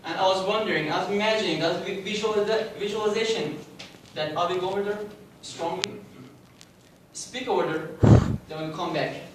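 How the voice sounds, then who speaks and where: A man's voice: sits high, fairly quick, background noise. A young man gives a prepared personal speech at a club, asking the audience questions and restarting phrases as he goes. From Pakistan. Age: 20s. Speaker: club speaker. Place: club meeting room. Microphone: distant mic. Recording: very echoey room, distant mic.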